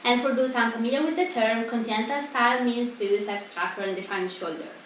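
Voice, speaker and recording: In an echoey indoor room, a young woman who seems to be a student presenter hosts a mock TV broadcast from a script. She talks briskly, her voice fairly high and fairly bright. The mic is distant and faint noise can be heard.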